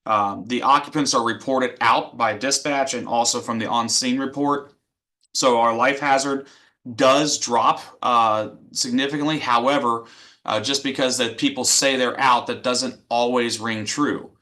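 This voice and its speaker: A man's voice: medium pitch, fairly even intonation, unhurried, sharp tone. A man giving a methodical, instructional incident review as a fire training presenter.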